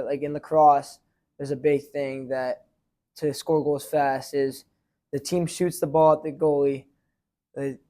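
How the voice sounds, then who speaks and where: Speaking at a medium pitch, a teen boy who captains his high school lacrosse team and plays goalie describes the role in a laid-back, mellow way. He meanders, starting sentences over and padding pauses with "like" and "I feel like," sounding casual and unrefined.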